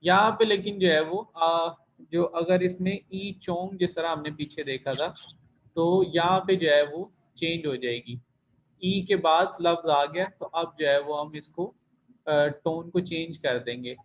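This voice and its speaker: Man, language teacher, fairly high voice, patient step-by-step explaining, dull lo-fi online class recording. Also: unhurried. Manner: patient, repeats points step by step. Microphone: computer mic in video call.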